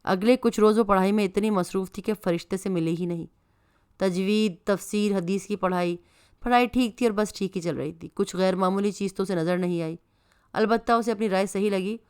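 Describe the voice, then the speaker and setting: A woman's voice: mid-range voice, a little mellow, clean tone. Woman narrating a novel aloud. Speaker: novel reader. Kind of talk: audiobook narration.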